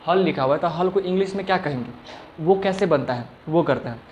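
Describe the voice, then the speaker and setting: A man's voice: fairly high pitch, a little fast, dull audio, slight background noise. Man teaching with repeated questions. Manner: repetitive questioning, checks understanding often; stretches out sounds to demonstrate. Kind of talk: classroom Hindi grammar lesson.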